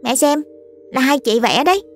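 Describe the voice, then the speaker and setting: A woman's voice: high voice, expressive, moderate pace, faint music behind, voice pushed up. A woman reading a story and voicing a stubborn little boy in a whiny, pleading child's voice. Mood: earnest. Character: small boy, sulky and stubborn.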